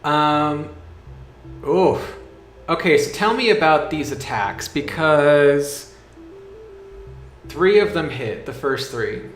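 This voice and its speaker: Slow, halting male game master, echoey room. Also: a little high, expressive. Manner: halting, thinking aloud. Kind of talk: casual tabletop game narration. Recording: echoey room, faint music behind.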